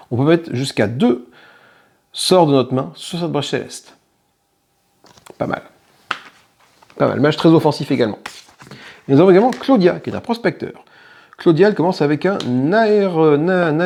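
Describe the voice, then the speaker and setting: A man's voice: on the high side, vocal fry, a little mellow. A man hosting a tabletop game channel, casually explaining a solo playthrough and thinking aloud with small self-corrections. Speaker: board game channel host.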